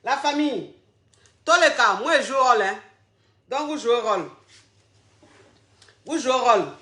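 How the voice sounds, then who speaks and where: A high, bright woman's voice on a live stream, exuberant and teasing, drawing out her words for emphasis. She sounds a little out of breath. The echo of a roomy space hangs around every sentence. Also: animated, moderate pace. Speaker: online coach, live streamer. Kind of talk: casual live stream chat to viewers. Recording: echoey room.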